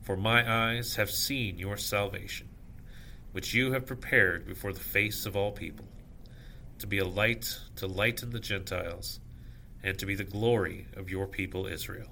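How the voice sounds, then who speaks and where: A man officiating at evening prayer, reciting scripture and liturgy in measured, solemn short phrases. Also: lowish voice, fairly even intonation, vocal fry, bright, forceful tone, a little hiss or hum.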